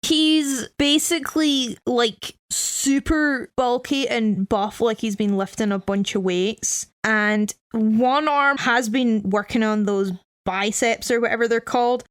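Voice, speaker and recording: A woman co-hosting a podcast in casual chat, high-voiced and animated, with a sarcastic edge. Her voice is dry and close-miked, with no room sound. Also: takes it slowly, few pauses, clear, resonant tone, no room sound. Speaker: podcast co-host.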